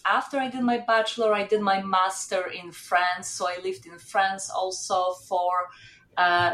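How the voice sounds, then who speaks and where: A woman in her thirties from Poland, a startup founder guest speaking English with many pauses and fillers. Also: medium pitch, fairly bright tone. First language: Polish. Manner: hesitant, many fillers and restarts. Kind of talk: casual interview chat.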